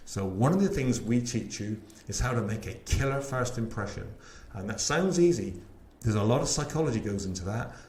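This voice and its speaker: In an echoey room, a middle-aged West Country man presents a live webinar on sales training. He speaks in a mid-range voice, keeps things chatty and enthusiastic, and often quizzes the audience.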